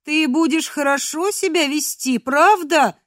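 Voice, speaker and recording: A woman voicing a soft-cooing captive young woman. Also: high-pitched, a little slow, no echo, studio quality, voice pushed up. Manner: soft coaxing, cooing tones.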